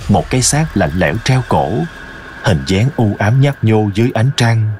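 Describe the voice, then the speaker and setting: A man narrating a scripted horror story in a slow, ominous storytelling manner. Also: fairly low pitch, lively intonation, darkish tone, soft background music.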